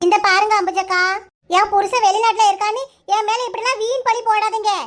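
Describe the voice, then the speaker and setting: A woman's voice: very high-pitched, steady tone, fairly quick, slight background noise. A woman voicing a defiant young village wife in a cartoon, retorting defensively in Kanyakumari Tamil.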